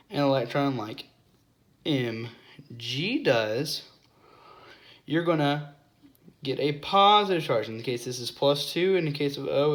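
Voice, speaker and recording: A young man explaining chemistry in a casual whiteboard lesson, often stopping to correct himself and apologize. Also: mid-range voice.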